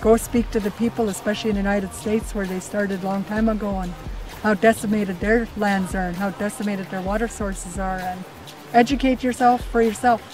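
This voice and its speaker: A woman's voice: mid-range voice, fairly even intonation, fairly quick, over music, poor audio. A woman interviewee speaking with urgency, exhorting listeners and repeating her key points. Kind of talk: impassioned interview answer.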